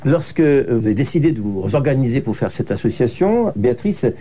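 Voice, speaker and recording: A man conducting an interview, asking measured, leading questions. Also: medium pitch, very animated, dark tone, a little hiss or hum.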